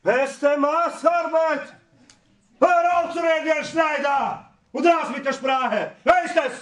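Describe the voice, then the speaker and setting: An actor playing a blustering, indignant old village father on stage, with emphatic, contained shouting. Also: extremely high pitch, takes it slowly, distant mic, exaggerated voice. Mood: exasperated, shouting. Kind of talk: stage musical acting in German, spoken and half-sung. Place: theatre stage. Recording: roomy theatre stage recording.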